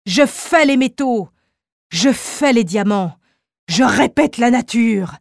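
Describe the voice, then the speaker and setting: A woman's voice: a little high, a little slow, a little mellow, no echo, studio quality, pitched above the performer's own voice, close to an everyday voice. A woman voicing a feverish, obsessed male chemist who declaims with rising fervor in an audiobook reading. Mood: fervent.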